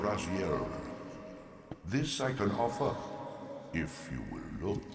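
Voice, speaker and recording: Game oracle, ancient elder god: deep, slow, grandiose, ominous and solemn. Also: male voice, gravelly, heavily acted. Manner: grandiose, portentous, drawn-out delivery. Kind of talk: theatrical video game voice acting. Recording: cavernous echo with long reverb, music.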